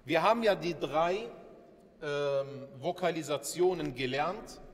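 A man's voice: a little high, slow pace, in a large hall. A man teaching a class, patiently asking questions and repeating points. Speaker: Arabic alphabet teacher. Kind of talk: classroom lesson with questions to students.

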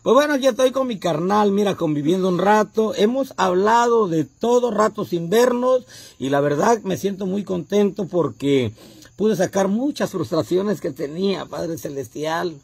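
A middle-aged Mexican man, a comedian telling funny stories in casual chat, animated and laughing, often calling out to God. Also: high voice, normal speed, gravelly, husky, no room sound. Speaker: comedian and host.

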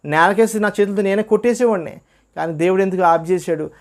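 A man's voice: sits high, fast talker. A man telling his personal religious testimony, acting out what others said. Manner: earnest storytelling, acts out quoted dialogue. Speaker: testimony speaker.

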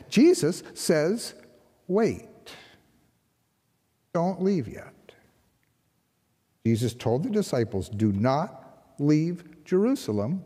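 An older man, an interim pastor, preaching a sermon from a lectern with a conversational tone and rhetorical questions. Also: breathy edge. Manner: conversational, rhetorical questions, lively pitch swings. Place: large church sanctuary, behind a lectern. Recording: long hall reverb in church.

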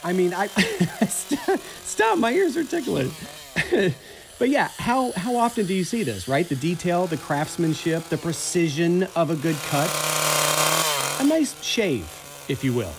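Male reporter doing a talking wooden teddy bear, jokey, theatrical, lively swooping pitch, faint background noise. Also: a little slow, full character voice. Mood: playful. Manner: jokey, teasing, theatrical asides. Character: chatty wooden teddy bear carving, playful. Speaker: TV news reporter. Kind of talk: first-person narrated news feature.

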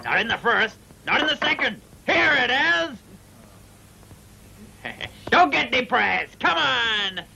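An actor playing a jovial, sly gambling stallholder in a dubbed martial arts film, calling out for bets in short bookmaker-style patter. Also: male voice, very high-pitched, sing-song, takes it slowly, creaky, pauses often, a little hiss or hum, exaggerated voice. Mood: teasing, hawking. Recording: old film dub with loud music.

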